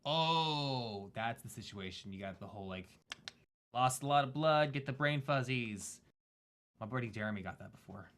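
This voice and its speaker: A man's voice: mid-range voice, animated, moderate pace, a bit bright, natural voice. A man voicing a small, sardonic bird-person scout in a tabletop game. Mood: wry.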